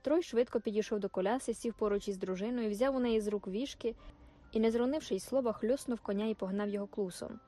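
A woman reading a classic novel aloud as audiobook narrator, measured and expressive. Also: medium pitch, soft background music.

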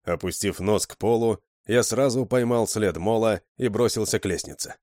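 A male audiobook narrator with a low voice, telling the story steadily. The recording is dry and close, with no room echo. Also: moderate pace, darkish tone. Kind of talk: scripted narration.

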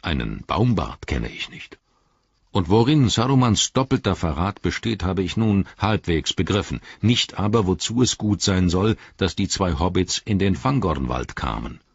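Earnest ranger, male, rough-edged and low, a male reader doing him; dry lo-fi audio. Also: animated, moderate pace, no room sound, exaggerated voice.

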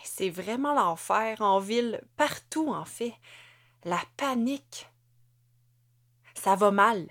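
A woman voicing a weary, battle-scarred female officer in an audiobook, speaking low and half-whispered. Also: animated, slow, pauses often, a bit bright. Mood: tired bitter.

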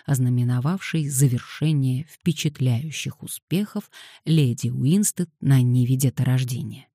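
Low, dark-voiced woman reading an audiobook. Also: no room sound, studio quality. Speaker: audiobook narrator. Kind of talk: scripted audiobook narration.

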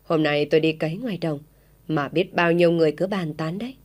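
A woman voicing a vain, sharp-tongued middle-aged village wife who scolds and grumbles. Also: low-pitched, fast talker. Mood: scolding. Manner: scolding, snappish.

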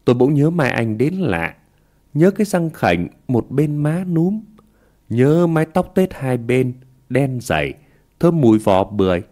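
A man narrating a ghost story in a slow, hushed storytelling manner. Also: mid-range voice, very animated.

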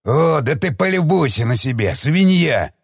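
A man voicing a furious, gruff former army commander who barks abuse at a subordinate in an audiobook. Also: a little high, big pitch swings, a little slow, no echo, studio quality, heavily acted. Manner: barking, abusive, threatening. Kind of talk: audiobook character reading.

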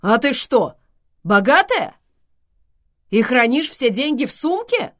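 A woman's voice: fairly high pitch, sing-song, normal speed, fairly bright tone, pitched above the performer's own voice. A woman voicing a grumpy, bossy male god who roars out indignant complaints. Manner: roaring, indignant outbursts.

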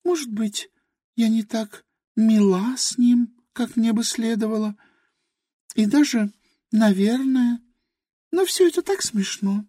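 A timid, childlike young girl, played by a woman in an audiobook reading, her voice a little high, mellow and breathy. She speaks slowly, soft and pleading. The recording is close and dry. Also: dry recording. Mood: plaintive.

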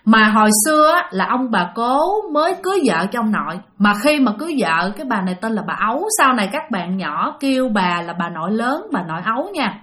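A woman's voice: on the high side, very animated, quick pace, few pauses, fairly bright tone. A woman hosting a channel, telling listener-sent ghost stories in a chatty way and often speaking to her audience directly. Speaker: storytelling channel host. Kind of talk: spoken ghost-story narration.

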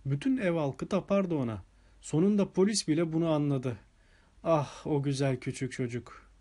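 A man reading an audiobook voices a burly, hot-tempered Italian chauffeur who protests loudly and defensively. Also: fairly high pitch, moderate pace, lightly acted. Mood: tender grief. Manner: excitable, protesting, raising the voice.

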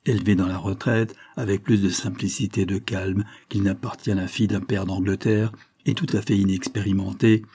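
Husky, low-voiced male audiobook narrator. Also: dark tone. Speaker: audiobook reader. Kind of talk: scripted narration of a novel.

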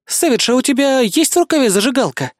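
A reader voicing a red-haired female lieutenant who speaks in an innocent, even tone. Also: high voice, fast talker, no echo, clean studio sound, voice pushed up. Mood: curious. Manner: flat, innocent tone.

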